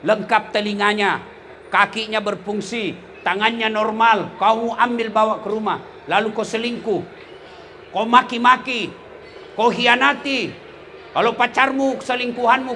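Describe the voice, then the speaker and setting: Brief: middle-aged preacher, high and lively voice, comic teasing sermon, sudden shouted punchlines, faint ambience behind. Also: male voice, normal speed, slight background noise. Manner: teasing, swings from low asides to shouts. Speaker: Islamic preacher. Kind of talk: comedic sermon.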